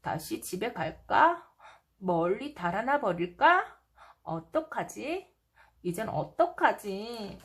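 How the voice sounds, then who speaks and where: A woman's voice: mid-range voice, big pitch swings, slow, slightly rough, exaggerated voice. A woman voicing an anxious little schoolboy in a storybook, fretting and questioning himself while reading to toddlers. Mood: panicky. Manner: fretful, self-questioning. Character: anxious little schoolboy fretting about his new tail.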